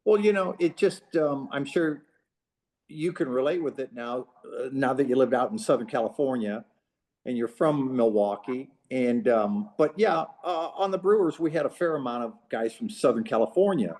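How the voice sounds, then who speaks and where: A man who used to play pro baseball, guest on a talk show, telling a story in a lively way and putting on other people's voices. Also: moderate pace. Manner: animated, acts out others in a higher voice. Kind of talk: casual storytelling.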